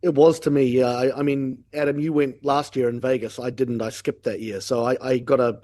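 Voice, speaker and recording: Man, New Zealand accent, medium pitch, candid, reflective, casual podcast guest. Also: little pitch movement, fairly quick, warm tone. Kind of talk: casual industry discussion.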